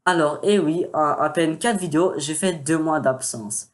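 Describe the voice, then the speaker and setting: A man's voice: fairly high pitch, normal speed. A man chats into a desktop microphone at home, announcing plans for his gaming channel. He hesitates often, fills gaps with little sounds and pokes fun at himself. The delivery is casual and unrehearsed. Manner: hesitant, many fillers, self-mocking asides. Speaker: gaming YouTuber. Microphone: desktop USB microphone with pop filter.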